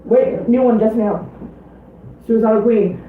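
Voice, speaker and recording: A woman's voice: a little high, steady tone, a little slow, a little hiss or hum. A woman player telling a tabletop game story in casual, emotional chat, swearing often. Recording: distant echoey tinny lo-fi audio.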